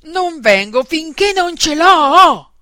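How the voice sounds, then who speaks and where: A woman's voice: a little high, very animated, measured pace, no room sound, clean studio sound. A woman voicing a tender but headstrong little girl in a storybook reading, with whiny, exasperated outbursts. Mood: shouting.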